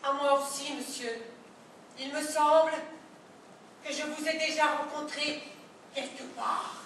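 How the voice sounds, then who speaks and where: A prim, overly courteous wife, played by a woman in a live absurdist play, speaking in measured, ceremonious tones. Her voice is very high and bright and moves slowly. It is heard from far off on a reverberant stage. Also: fairly even intonation, slight background noise. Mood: prim politeness. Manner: formal, measured, ceremonious politeness. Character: prim, overly polite middle-class wife. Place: theatre stage. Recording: echoey stage sound from a distant mic.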